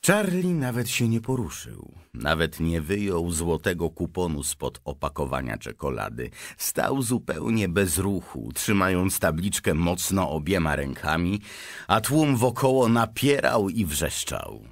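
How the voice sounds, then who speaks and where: A man narrates a children's audiobook, slow and very expressive, his pitch swinging widely. His low voice has a gravelly edge. The recording is dry and close. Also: no room sound. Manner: expressive storytelling. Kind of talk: audiobook reading.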